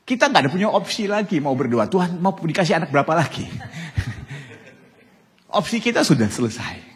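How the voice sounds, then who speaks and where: A man in his sixties preaching a sermon to a live congregation, animated and often tagging phrases with a direct address to the listeners. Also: on the high side, moderate pace. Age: 60s. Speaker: pastor. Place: church hall with live congregation. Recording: echoey church hall.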